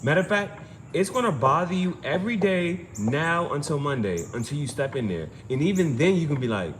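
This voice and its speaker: An amateur tarot reader and streamer gives an informal spiritual reading, pressing his advice insistently, repetitively and emphatically. His voice is on the high side, sing-song and a little fast. The background is clearly noisy.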